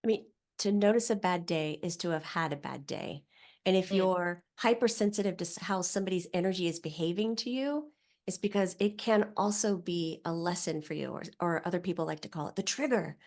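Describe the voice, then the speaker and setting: A woman, a psychic medium guest, talking casually on a podcast and acting out quoted voices with lively swings. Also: on the low side, brisk. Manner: animated, acts out quoted voices.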